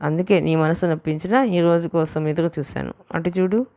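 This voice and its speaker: A woman reading the lines of an earnest young man in love, in a soft, confiding way, for an audiobook. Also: low-pitched, a little fast. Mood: tender.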